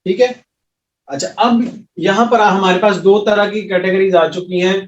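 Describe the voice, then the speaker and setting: A male teacher with a fairly high voice runs a class, patiently drawing out each sound and checking that students follow. He sounds far off in an echoey classroom, and the recording is dull. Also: fairly even intonation. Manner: patient, repeats sounds slowly and asks the class questions. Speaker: Arabic and Quran recitation teacher.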